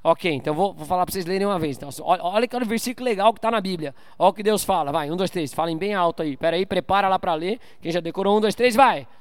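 A man's voice: high-pitched, quick pace, few pauses, smooth, no echo. A man preaching an informal sermon to his church, joking and calling out for amens. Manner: informal, calls out for amens, jokes with the crowd. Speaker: pastor. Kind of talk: casual sermon to a congregation. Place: church service.

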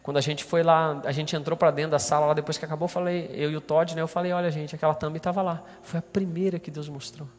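A man's voice: fairly high pitch, little pitch movement, quick pace, hardly any pauses. A man with a Brazilian Portuguese accent preaching a sermon, telling a story with animation and acting out the voices of the people in it. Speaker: pastor. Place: church hall during a service. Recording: reverberant church hall with music.

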